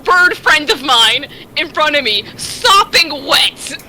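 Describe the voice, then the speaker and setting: A woman's voice: high voice, animated, slow pace, bright, forceful tone, a little hiss or hum, heavily acted. A woman voicing a blunt, exasperated adventurer who scolds a friend for not sleeping.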